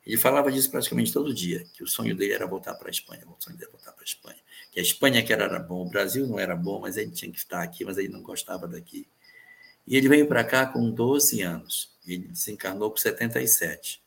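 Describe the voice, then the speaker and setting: A man answering viewer questions in a calm, measured explanatory talk, repeating key phrases for emphasis. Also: lowish voice, gravelly. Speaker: spiritist guest answering questions.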